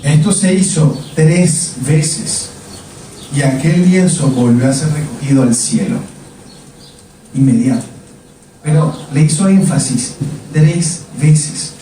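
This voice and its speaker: A man preaches in a mellow, slightly high voice. He leans on emphatic repetition and keeps asking the congregation questions. The sound is heavily echoey, picked up from far across the church. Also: takes it slowly, long pauses, slight background noise. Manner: emphatic, repeats words and asks the congregation questions. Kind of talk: sermon. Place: church sanctuary.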